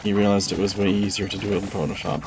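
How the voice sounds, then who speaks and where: A man live-streaming a video game, teasing his co-host in a dry, deadpan way. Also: lowish voice, fast, a little hiss or hum. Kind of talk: casual live-stream chat.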